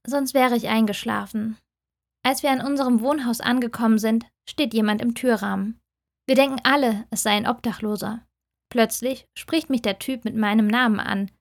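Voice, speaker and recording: A woman hosting a book podcast, reading a novel excerpt aloud in a steady, clear way. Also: a little high. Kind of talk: audiobook reading and podcast outro.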